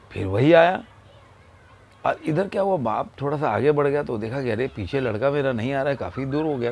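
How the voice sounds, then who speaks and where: A man telling a moral story in a slow, unhurried way, pausing often between phrases, with a Hindi accent. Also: mid-range voice, creaky. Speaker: motivational speaker.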